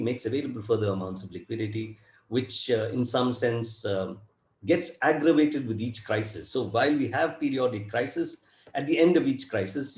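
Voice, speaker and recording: A man giving an academic panel talk over a video call, halting with many restarts and fillers. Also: medium pitch, darkish tone, echoey room. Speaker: panelist economist.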